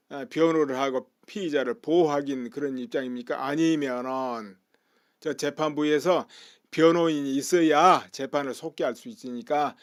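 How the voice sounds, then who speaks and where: A man's voice: a little high, dry recording. Dry-voiced male political commentator. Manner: explanatory, poses rhetorical questions. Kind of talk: news commentary monologue.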